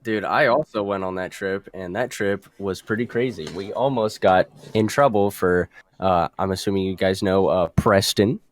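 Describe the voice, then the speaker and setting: A man's voice: low voice, normal speed. A young man in a casual podcast chat, talking bluntly. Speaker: podcast co-host.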